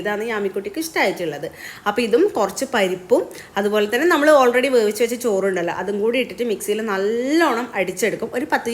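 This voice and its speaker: A young woman, chatting casually through a home vlog and explaining her cooking and her day as she goes. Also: fairly high pitch. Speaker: family vlogger and mother. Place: home, indoors.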